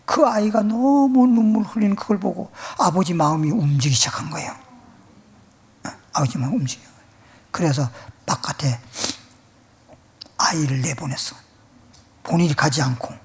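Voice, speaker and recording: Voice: mid-range voice, brisk, slightly rough. A pastor preaching a sermon, telling a story dramatically and dropping to whispers at times. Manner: dramatic, swings from loud to whispered. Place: church.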